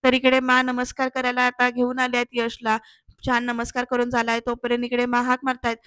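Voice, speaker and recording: Woman, high and fairly flat voice, chatty serial recap, talks to viewers, dry close voice-over. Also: brisk, clear, resonant tone, no room sound, soft background music. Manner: addresses viewers directly, chatty. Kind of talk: casual voice-over episode retelling.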